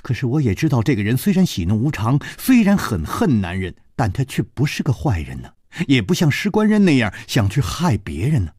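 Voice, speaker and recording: A man's voice: medium pitch, huge pitch swings, brisk, hardly any pauses, a little mellow, husky, no room sound, clean studio sound. A man voicing a spirited, curious young woman who asks earnest questions.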